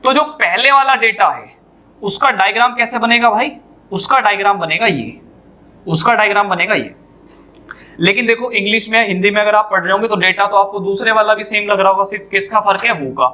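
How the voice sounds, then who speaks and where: A man's voice: sits high, brisk, pushed and bright. A man teaching a reasoning lesson at a whiteboard, explaining step by step, repeating key points and putting questions to his students.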